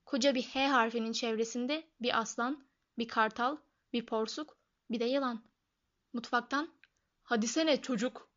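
Lady reading a novel out loud, kinda higher voice, muffled lo-fi sound. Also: fairly even intonation, normal speed. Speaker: audiobook narrator. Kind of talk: scripted narration.

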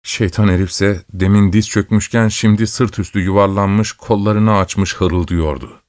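A man narrating a story in a steady, measured storytelling voice. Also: lowish voice, dry recording, clean studio sound. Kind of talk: scripted narration.

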